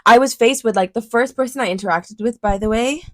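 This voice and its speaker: A woman in her twenties from Pakistan with a British accent, co-hosting a casual podcast in a chatty, animated way and slipping into quoted voices. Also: fairly high pitch, brisk, no room sound. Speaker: podcast co-host.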